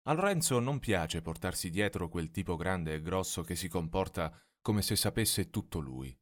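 A man narrating a storybook aloud. His voice sits low, but his intonation moves widely and expressively. He reads softly, keeping the telling gentle. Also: lively intonation, moderate pace. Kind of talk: storybook reading.

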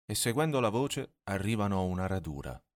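A man reading a children's story aloud in a soft, expressive way. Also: on the low side, a little fast.

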